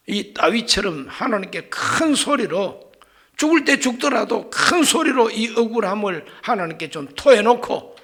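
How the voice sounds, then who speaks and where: A male pastor preaching a sermon, swinging from hushed whispers to loud exclamations and firing rhetorical questions at the congregation. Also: sits high, slightly rough.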